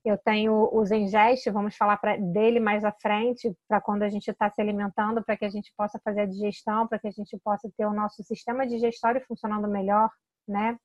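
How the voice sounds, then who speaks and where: Brisk and level at medium pitch, with a darkish tone, a Brazilian woman teaches how to use essential oil products in a casual talk to camera. She has a Brazilian Portuguese accent and a chatty, persuasive style full of tag questions and sentence restarts; the sound is lo-fi without echo.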